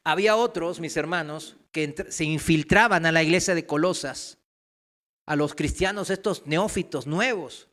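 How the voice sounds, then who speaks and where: Impassioned high-voiced male pastor preaching. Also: normal speed. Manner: impassioned, swings between loud emphasis and quiet asides. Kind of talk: sermon.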